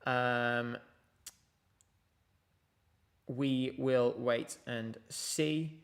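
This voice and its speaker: A man's voice: medium pitch, fairly even intonation, extremely slow. A man hosting a casual live stream from home, chatting, laughing often and reading out viewer messages. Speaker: livestream host.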